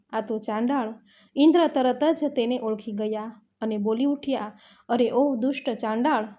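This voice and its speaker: Female storyteller for a religious reading, warm and somewhat high, steady measured delivery. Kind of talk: scripted devotional narration.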